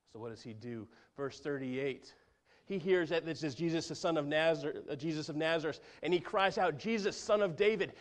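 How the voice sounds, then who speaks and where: A man preaching an earnest sermon, often dropping to a hushed voice for emphasis. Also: medium pitch, vocal fry. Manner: earnest, drops to a hush for emphasis. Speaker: pastor.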